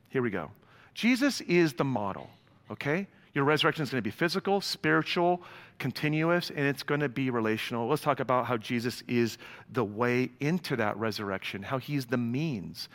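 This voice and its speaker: A male pastor preaching a sermon, animated, with sudden loud peaks, quiet drops and casual slang asides to the congregation. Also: fairly high pitch, long reverb tail.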